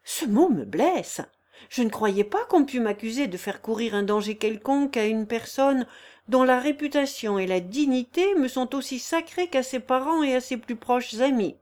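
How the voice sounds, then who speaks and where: A woman's voice: a little high, lively intonation, moderate pace, a little mellow, close to an everyday voice. A woman reading the lines of an earnest, embarrassed young man in love, in an audiobook.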